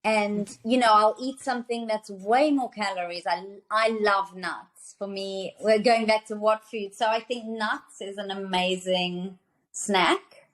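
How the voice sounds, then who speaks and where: Guesting on a podcast, a nutrition author from South Africa, in her thirties, keeps the casual interview lively with enthusiasm, plenty of fillers and restarts. Her mid-range voice has a steady tone and measured pace.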